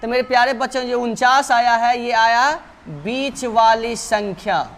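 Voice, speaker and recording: A man's voice: very high voice, a little slow, gravelly, fairly bright tone, soft background music. A male math teacher explaining problems step by step, going over each step twice and often calling his students dear children.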